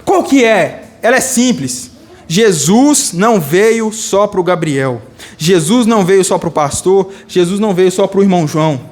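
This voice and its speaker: A Brazilian man preaching an evangelical sermon, fervent and rousing, calling for responses from the congregation. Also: sits high.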